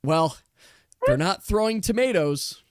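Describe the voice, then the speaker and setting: A man's voice: high-pitched, animated, unhurried, clear, resonant tone. A man narrating a tabletop game as game master, moving between dramatic storytelling and casual asides.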